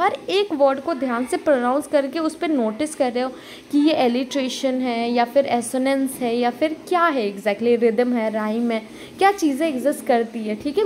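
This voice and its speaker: A woman with a high voice explains poetry sound patterns as an exam tutor. Her talk is loose and chatty, full of repeated "okay"s, with English terms dropped into Hindi. A faint hiss of background noise sits under the voice. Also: a little mellow. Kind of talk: casual explanatory lecture.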